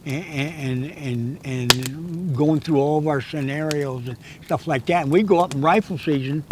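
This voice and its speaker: A man's voice: on the high side, unhurried, noisy background. A man in his eighties telling hunting stories outdoors in a canyon, rambling and often stammering and repeating his words. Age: 80s. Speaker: interviewed guest, hunting guide. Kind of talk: casual storytelling chat.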